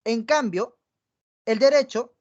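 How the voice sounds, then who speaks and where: A woman's voice: on the high side, slow, darkish tone. A woman with a Peruvian Spanish accent teaching a pre-university psychology class online, explaining step by step and checking in with her students after nearly every point. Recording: dull lo-fi online class audio.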